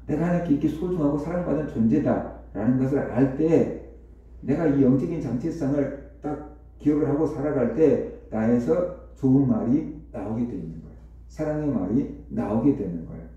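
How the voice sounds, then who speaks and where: A man preaching a conversational sermon as pastor, telling a story with rhetorical questions and lively repetition. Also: mid-range voice, normal speed. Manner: repetitive, animated retelling. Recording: echoey hall, distant dull mic.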